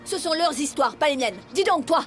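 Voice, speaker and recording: A woman's voice: high voice, animated, moderate pace, faint music behind. A woman dubbing a bitter, vengeful middle-aged daughter in a TV drama, speaking intensely and accusingly. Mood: stern. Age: 40s. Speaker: dub actress. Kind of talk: French dub of a TV drama.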